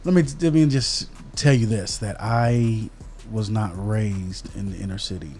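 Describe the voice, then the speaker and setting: Low-voiced young man telling a story. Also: a little slow, a little mellow, soft background music. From Kansas, US. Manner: storytelling, checks in with "okay?" and "right?". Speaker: podcast guest. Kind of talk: casual podcast conversation. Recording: faint background noise.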